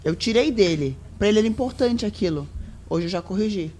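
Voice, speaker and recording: A woman's voice: medium pitch, fairly quick, slight background noise. A woman, a podcast guest chatting casually and acting out what she and others said. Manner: animated storytelling, quotes herself and others.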